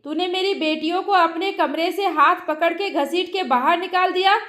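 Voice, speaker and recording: Woman doing an angry mother, shrill scolding, echoey room. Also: moderate pace. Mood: furious. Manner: shouting, scolding. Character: angry middle-aged mother scolding her son. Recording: roomy echo.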